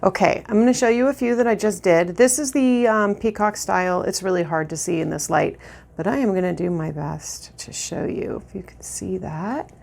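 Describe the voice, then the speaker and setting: A woman walks through a lash tutorial in a relaxed, chatty way, full of ums and little restarts. Her voice has a gravelly, creaky edge at a middling pitch. She sounds close to a camera mic while she works. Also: normal speed. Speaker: lash artist instructor. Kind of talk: casual tutorial demonstration.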